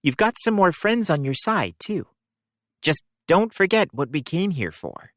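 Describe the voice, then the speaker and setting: Woman as an earnest, matter-of-fact young heroine; lowish, animated voice, dry. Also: measured pace, dry recording. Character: young heroine who loves fishing, earnest. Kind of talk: audiobook character voicing.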